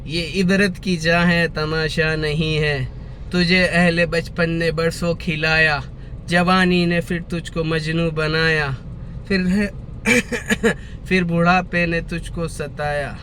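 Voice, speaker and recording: A man vlogging slowly and earnestly about faith, repeating his points and reciting devotional verse, with a lingering cough that keeps breaking in. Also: a little high, bright, forceful tone, a little hiss or hum. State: lingering cough, clears throat often. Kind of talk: slow reflective religious talk to camera.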